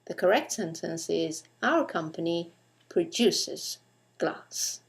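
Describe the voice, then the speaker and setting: Slow, deliberate woman teaching grammar. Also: fairly low pitch, animated. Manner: clear, deliberate, addresses the listener with questions. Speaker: English teacher. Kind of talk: recorded grammar lesson.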